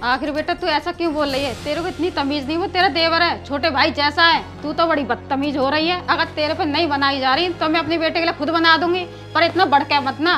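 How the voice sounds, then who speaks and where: A woman's voice: high voice, steady tone, a little fast, hardly any pauses, pushed and bright, faint music behind. A woman playing an indignant rural mother-in-law who nags and scolds. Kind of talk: rural film drama acting.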